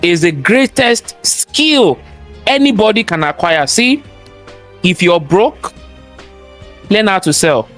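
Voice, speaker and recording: Speaking as an interview guest, this cybersecurity expert has a thick Nigerian accent and a high, fairly bright, animated voice. He talks slowly with long pauses, preaching emphatically, repeating his points and posing rhetorical questions in a motivational way, while faint music plays behind him.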